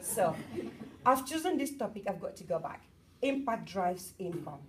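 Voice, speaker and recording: A bubbly middle-aged woman from Cameroon giving a lively talk at an event and chatting with the audience. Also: lowish voice, moderate pace, far from the mic, a little hiss or hum. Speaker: motivational speaker.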